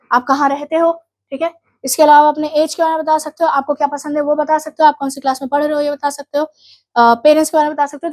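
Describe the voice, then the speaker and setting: Young Indian woman tutor with a high voice and Indian English accent, explaining exam topics step by step for revision. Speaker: teacher.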